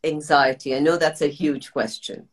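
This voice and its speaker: A woman's voice: sits low, steady tone, moderate pace. A woman hosting an interview, asking questions and adding short encouraging replies. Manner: supportive, frequent short affirmations. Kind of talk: conversational interview.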